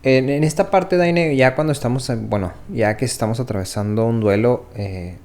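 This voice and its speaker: A man co-hosts a relaxed podcast conversation. He steers it by asking questions, and he thinks aloud with plenty of fillers. His voice sits at an ordinary middle pitch for a man. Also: normal speed. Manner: leads the talk with questions, many fillers. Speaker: podcast co-host. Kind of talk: casual chat.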